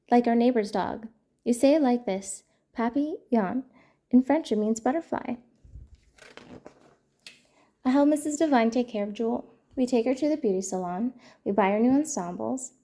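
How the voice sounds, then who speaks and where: A woman hosting a storytime channel, reading a children's picture book aloud in a gentle, playful way. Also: a little high, brisk. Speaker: storytime host.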